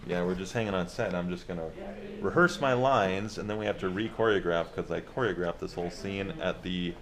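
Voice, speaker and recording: His voice sits low and his pace is brisk as this actor chats, jokes and swears his way through a vlog from a film set, filming himself with an action camera. Crowd noise is busy in the echoey closet and hotel rooms on set.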